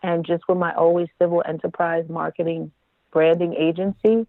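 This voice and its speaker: A woman guest in a relaxed interview, talking in a calm, fairly monotone way. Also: lowish voice, moderate pace, no room sound. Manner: calm, even, self-described monotone. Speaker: guest, music marketer. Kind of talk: casual interview chat. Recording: tinny phone-like line.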